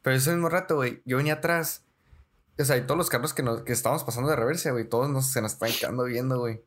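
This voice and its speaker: A young man, a podcast co-host telling stories in slangy, animated casual chat. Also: mid-range voice, racing. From Mexico. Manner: slangy, says "güey" constantly, animated storyteller.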